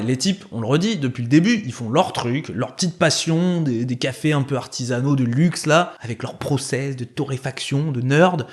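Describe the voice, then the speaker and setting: Sarcastic male video-essay narrator. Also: mid-range voice. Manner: sarcastic, slangy asides.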